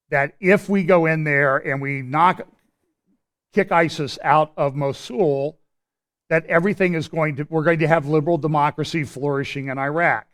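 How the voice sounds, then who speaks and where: Guy doing a prophecy update for his church, kinda high voice, chatty and opinionated, lots of restarts. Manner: explains while pointing at a map on screen. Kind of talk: conversational commentary.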